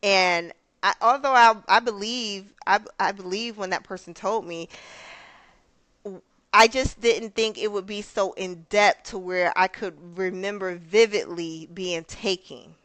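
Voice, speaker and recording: A woman's voice: mid-range voice, steady tone, a little slow, fairly bright tone, dry recording. Earnest woman telling personal stories. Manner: earnest, personal storytelling with many "like" fillers. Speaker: podcast co-host. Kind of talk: casual chat.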